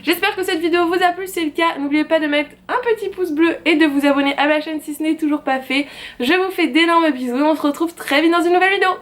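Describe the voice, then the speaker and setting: A woman's voice: very high voice, fast, a bit bright. A young woman from France showing off craft purchases in a casual, chatty, self-mocking way, with sighs and fillers. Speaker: craft vlogger. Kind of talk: casual haul video.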